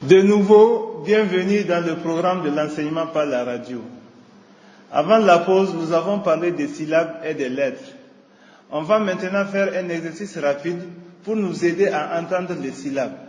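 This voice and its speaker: A man teaching a scripted radio lesson, speaking in a slow, deliberate teaching manner. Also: on the high side, darkish tone. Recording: echoey hall with long reverb.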